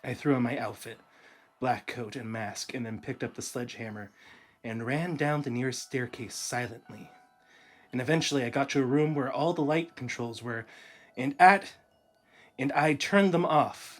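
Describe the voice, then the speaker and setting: A man's voice: medium pitch, normal speed. Joking podcast co-host man. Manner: joking, laughs easily between lines. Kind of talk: casual chat and reading a horror story.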